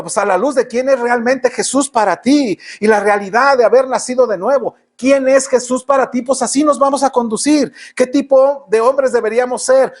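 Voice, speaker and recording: A man with a Mexican Spanish accent preaching a sermon in church, often asking the congregation rhetorical questions. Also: extremely high pitch. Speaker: pastor.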